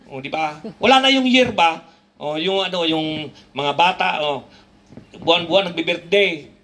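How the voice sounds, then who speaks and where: High, bright-voiced Filipino pastor preaching. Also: male voice, moderate pace. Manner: conversational, joking, switching between Tagalog and English, rising emphatic peaks. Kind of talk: sermon.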